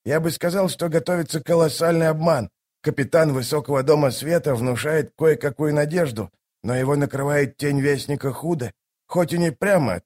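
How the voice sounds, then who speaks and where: A man's voice: fairly high pitch, darkish tone, voice pushed up. A man voicing a defensive, fussy male soldier-mage who mutters and sighs as he explains. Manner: muttering, sighing.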